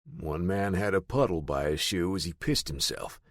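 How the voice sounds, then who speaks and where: A man narrating a first-person audiobook in a steady, matter-of-fact way. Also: low voice, normal speed, no echo, clean studio sound.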